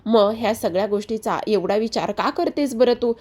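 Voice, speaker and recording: A woman voicing an affectionate mother-in-law who scolds softly and reassures. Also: mid-range voice, moderate pace, voice pushed up, close to an everyday voice.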